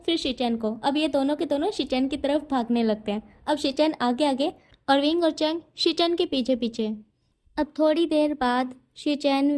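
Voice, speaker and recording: A woman's voice: high-pitched, dark tone. A woman narrating a fan fiction story in a casual, chatty way. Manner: casual and chatty, explains scenes plainly.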